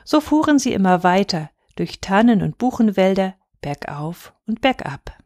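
A woman reading a fairy tale aloud in a calm, expressive way, sometimes dropping to a hush. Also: medium pitch, moderate pace, no echo, clean studio sound. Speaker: storyteller.

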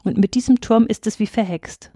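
A woman's voice: fairly high pitch, moderate pace, mellow, slightly rough, no room sound. Friendly master builder in a storybook, voiced by a woman, chatty tone, dry close sound.

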